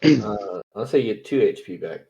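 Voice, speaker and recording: Male game master, low voice, easygoing, laughs a lot while running the session. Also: lively intonation, moderate pace, creaky, mellow, breathy edge.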